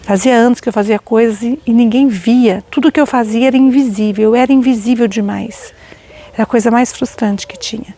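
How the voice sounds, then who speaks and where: A middle-aged woman speaks as a spiritual teacher, addressing her listeners directly with heartfelt emotion. Her voice sits a little high, yet it has a dark, mellow color. A gravelly, breathy texture runs through her telling. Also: fairly even intonation, a little fast. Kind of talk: personal storytelling to an audience.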